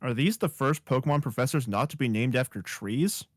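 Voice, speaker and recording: A man's voice: mid-range voice, lively intonation, fairly quick, no room sound. Easygoing man on a dry voice call. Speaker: podcast co-host. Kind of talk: casual podcast chat. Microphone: computer mic on a voice call.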